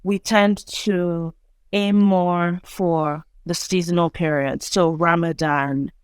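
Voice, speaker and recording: Woman from Nigeria, low voice, smooth and clear, dry sound, casual interview guest. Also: fairly even intonation, takes it slowly, no room sound. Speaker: guest entrepreneur.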